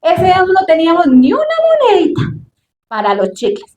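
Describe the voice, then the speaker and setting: Middle-aged woman preacher, high voice, emphatic sermon storytelling in a reverberant church. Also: sing-song, fairly quick, a little mellow, a little hiss or hum.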